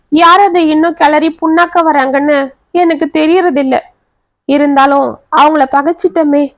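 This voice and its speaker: Woman doing a distraught young wife, high voice, anguished, dry recording. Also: no echo. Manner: anguished, pleading, shrill when upset. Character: overwhelmed young working wife, anxious and tearful.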